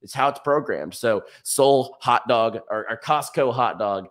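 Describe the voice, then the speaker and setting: A man's voice: medium pitch, unhurried. Young American man, casual market commentary. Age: young adult. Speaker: crypto show host. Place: small indoor room, streaming setup.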